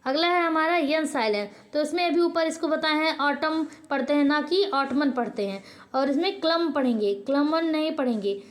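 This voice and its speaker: A woman's voice: sits high, animated, fairly quick. A woman teacher giving an online lesson, repeatedly asking a question and then answering it herself, with frequent hesitations and self-corrections. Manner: drills by asking and answering her own questions. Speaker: channel host.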